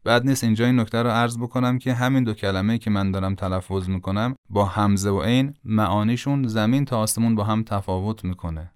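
A man giving a patient pronunciation lesson for Quran recitation, slowly drawing out sounds to demonstrate them. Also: fairly low pitch, fairly even intonation, smooth, no echo, studio quality.

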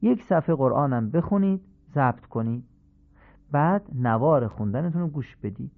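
A middle-aged man teaching correct Quran recitation on a radio lesson, explaining calmly and reciting phrases slowly to demonstrate. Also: mid-range voice, gravelly. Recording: tinny phone-like old radio recording.

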